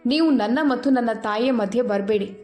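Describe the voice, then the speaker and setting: A young male doctor, once proud and now shaken with remorse, talks with a tense, trembling voice, as a woman storyteller puts him on. The voice sits somewhat high and carries room echo with faint music underneath. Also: normal speed, a little mellow, lightly acted. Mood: defensive.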